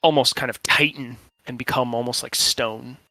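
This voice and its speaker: Bright-voiced man running a tabletop game. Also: mid-range voice, fairly even intonation, vocal fry, no echo. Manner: informal, halting while checking rules. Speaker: game master. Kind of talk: running a tabletop role-playing game, improvised narration.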